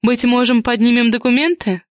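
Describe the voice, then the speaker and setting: Woman reading as a sarcastic wife, raised pitch, cutting, mocking, dry close sound. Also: steady tone, a little fast, no echo, lightly acted. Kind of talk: audiobook character reading.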